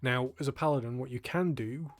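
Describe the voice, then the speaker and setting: A young man commentating over his own gameplay footage in a relaxed, explanatory tone, sounding a little tired. His pitch is mid-range for a man. Faint game music plays behind him. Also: fairly quick. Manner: relaxed, explanatory, frequent ums. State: tired, yawning. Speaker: gaming channel host. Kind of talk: casual gameplay guide commentary.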